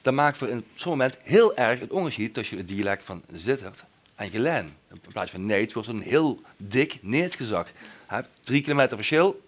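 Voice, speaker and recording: Halting Limburg man explaining, mid pitch. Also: lively intonation. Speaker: panelist. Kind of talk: explanatory discussion.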